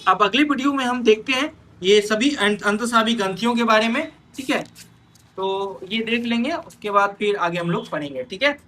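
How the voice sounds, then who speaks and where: A man's voice: high voice, normal speed, pushed and bright. A man teaching an exam-prep lesson, talking straight to his students and checking in often with "theek hai". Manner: addresses students directly, pointing at notes.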